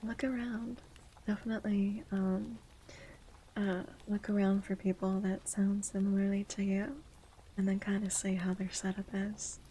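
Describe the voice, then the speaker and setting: In soft, mostly unvoiced whispers, a female streamer with a low register and flat, mellow pitch drifts unhurriedly through ASMR chat and legend reading. The rough recording carries a little background noise.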